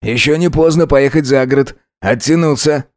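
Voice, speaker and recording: A man's voice: moderate pace, a little mellow, no room sound, studio quality, lightly acted. A man voicing a drunk, spiteful young man who mocks and snaps at those around him, in an audiobook reading. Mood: taunting. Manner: mocking, shrill, aggressive.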